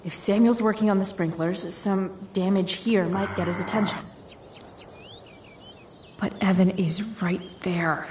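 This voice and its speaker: A woman's voice: medium pitch, steady tone, unhurried, pauses often, darkish tone, recorded from a distance, a little hiss or hum, lightly acted. An actress playing a guarded, rebellious teenage girl in a video game, with a dry, sarcastic, slangy delivery. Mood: sardonic.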